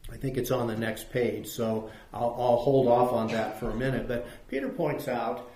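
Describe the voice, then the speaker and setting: A man's voice: mid-range voice, moderate pace, mellow, reverberant, poor audio. A man teaching a Bible study who puts questions to his listeners.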